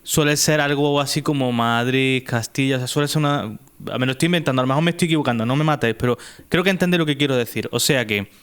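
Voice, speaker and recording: A man's voice: mid-range voice, quick pace, few pauses, a bit bright, clean tone. A man from Spain hosting a casual interview, chatty and explaining at length with lots of hedges. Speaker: podcast host.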